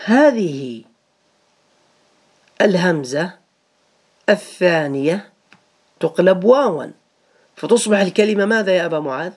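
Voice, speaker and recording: A man's voice: high voice, animated, measured pace, pauses often. A man teaching a grammar lesson to students, patiently repeating each rule and asking them questions.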